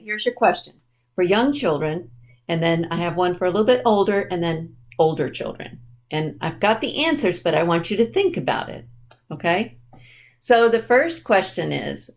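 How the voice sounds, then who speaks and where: A woman leads a children's storytime lesson using simple words, deliberately spelling things out and asking questions to check understanding. Her voice is on the low side and a little mellow.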